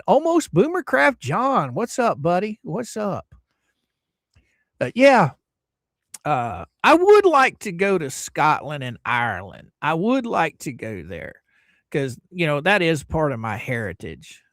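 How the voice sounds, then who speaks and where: An American man hosts a casual livestream and chats loosely with his viewers. His voice sits a little high and swings widely in pitch. The sound is close and dry. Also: huge pitch swings, a little slow, a bit bright, no echo. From United States. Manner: greets viewers by name, loose and chatty; opinionated, rambling asides. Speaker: livestream host.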